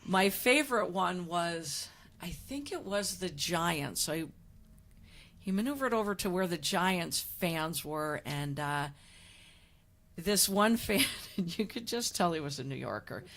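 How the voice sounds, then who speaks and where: A woman's voice: lowish voice, expressive, a little slow, fairly bright tone. Chatty woman host in her fifties. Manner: rambling, chatty storyteller with frequent restarts. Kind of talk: casual sports talk show chat.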